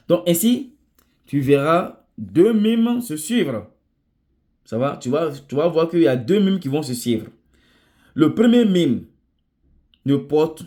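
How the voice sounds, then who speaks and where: A man's voice: fairly high pitch, warm tone. A man teaching Quran recitation rules in French, in a patient classroom manner. He restates each point several times and keeps checking in with "ça va?". Arabic terms are woven through his explanation. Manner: checks in with a repeated "ça va?". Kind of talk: tajwid lesson.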